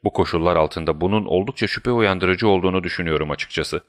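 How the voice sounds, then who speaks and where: A man voicing an anxious, fussy older male college tutor who pleads and frets, speaking a little above his own low voice. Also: quick pace, no echo, studio quality, close to an everyday voice. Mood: agitated. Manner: flustered, pleading.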